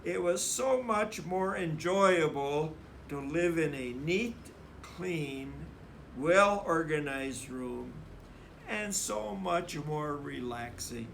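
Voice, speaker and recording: A man reading a children's picture book aloud in an emphatic, deliberate storyteller's manner. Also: a little high, lively intonation, gravelly, a bit bright, slight background noise. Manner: emphatic, deliberate, acts out dialogue.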